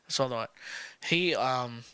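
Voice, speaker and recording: A man's voice: mid-range voice, a little slow, bright, forceful tone, clean tone, no room sound. A man co-hosting a casual sports podcast, laid-back and skeptical, talking loosely with plenty of fillers. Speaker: podcast co-host.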